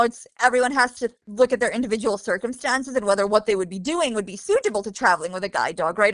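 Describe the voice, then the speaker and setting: A woman's voice: a little high, a bit bright, no room sound. A woman from Bosnia, a guide dog handler, speaking as a podcast guest in a detailed, informative way with many fillers. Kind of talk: conversational interview.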